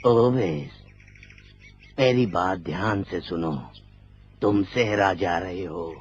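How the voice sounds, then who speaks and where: A man's voice: low voice, slow, muffled recording, soft background music. A man voicing a frail, kindly old man who frets and rambles in a dubbed film. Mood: fussing. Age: older. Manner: fussy, rambling, fretful. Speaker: voice actor in a film dub.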